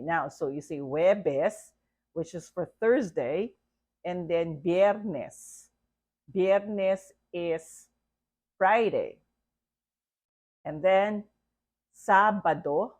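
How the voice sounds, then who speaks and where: A woman's voice: on the low side, darkish tone. A woman teaching a language lesson, patiently repeating words and asking "okay?" often. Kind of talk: slow, deliberate language lesson.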